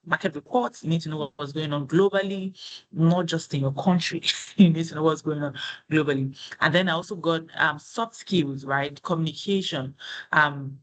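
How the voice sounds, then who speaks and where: Moderating a career webinar, a man with a slightly higher-than-usual, fairly bright voice speaks at normal speed. He's loose and conversational, walking the audience through his points and tagging them with "you know" and "right?" The recording quality is low.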